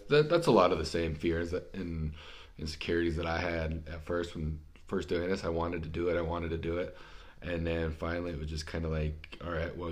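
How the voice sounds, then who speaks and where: A man hosting a casual podcast conversation, encouraging, stammering and repeating words, slightly hoarse. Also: sits low. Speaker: podcast host.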